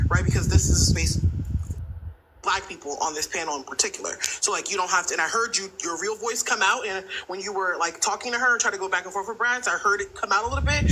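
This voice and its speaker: A woman's voice: mid-range voice, very noisy. A woman on a live online panel arguing casually, spelling out her point and repeating it in a corrective way. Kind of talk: casual argumentative panel talk.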